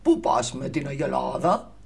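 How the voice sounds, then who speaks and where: A woman's voice: rumbling low, lively intonation, creaky, husky, exaggerated voice. A woman voicing a strange little man who coaxes a boy into a trade. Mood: coaxing.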